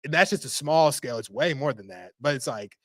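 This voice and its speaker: A man co-hosting a gaming podcast in casual, slangy chat, animated and laughing often. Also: medium pitch, brisk, dry recording, clean studio sound. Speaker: podcast co-host.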